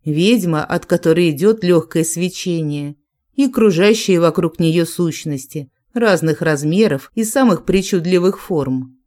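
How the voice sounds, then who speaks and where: An audiobook narrator reading a fantasy novel in an even, unhurried manner. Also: mid-range voice. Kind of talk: scripted narration.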